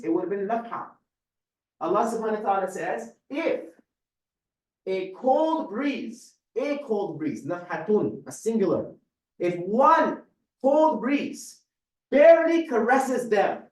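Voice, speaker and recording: High-voiced male lecturer in an echoey room. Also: far from the mic. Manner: explains word by word, checks in with "right?". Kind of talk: religious lecture with audience questions.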